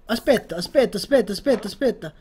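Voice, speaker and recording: High-voiced joking gaming commentator. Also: male voice, lively intonation, fast talker, darkish tone. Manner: chatty, joking, narrates characters' thoughts. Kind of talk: casual Let's Play commentary.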